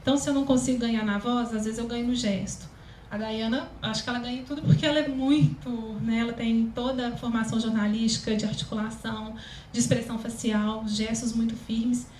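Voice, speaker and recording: A woman with a Brazilian Portuguese accent and a very high, thin voice gives a chatty talk as a communication consultant, with many fillers. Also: fairly even intonation, brisk, a little mellow. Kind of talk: public talk to an audience. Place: event hall, live audience. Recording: echoey room, faint ambient noise.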